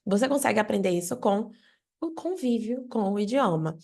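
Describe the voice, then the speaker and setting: Brief: Brazilian woman teacher, close mic, a bit of vocal fry, direct and lively to camera. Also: medium pitch, normal speed. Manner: explains directly to viewer, lively questions. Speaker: English teacher. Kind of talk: online language lesson.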